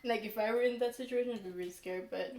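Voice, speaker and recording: A young adult woman from Palau telling a story casually, in a halting, rambling way with frequent self-corrections. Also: on the high side, a little mellow. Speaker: mukbang vlogger telling a folk legend. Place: small room indoors, seated at a table. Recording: roomy echo, background noise.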